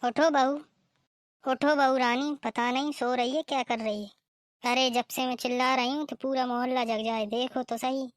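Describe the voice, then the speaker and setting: A woman's voice: on the high side, fairly even intonation, normal speed, no room sound, studio quality, lightly acted. A woman voicing a strict, scolding middle-aged mother-in-law in a cartoon, nagging and complaining. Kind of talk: cartoon voice acting.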